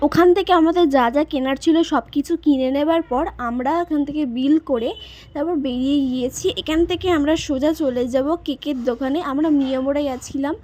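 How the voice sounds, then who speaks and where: A woman's voice: high voice, fairly even intonation, brisk, darkish tone, a little hiss or hum. A woman narrating a vlog voice-over in a plain, recounting way.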